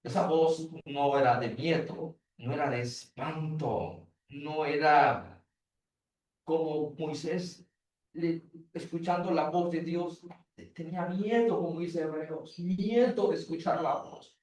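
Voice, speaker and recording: A man's voice: on the high side, slow, a little mellow. A man, a pastor, giving a sermon, preaching emphatically and repeating his phrases. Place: church. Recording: echoey hall, mic far off.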